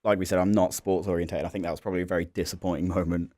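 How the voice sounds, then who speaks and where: A man, co-hosting a casual chat podcast and telling animated stories. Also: low voice, rapid-fire, no echo, clean studio sound. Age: early 20s. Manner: animated storyteller, acts out voices in anecdotes. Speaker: podcast co-host.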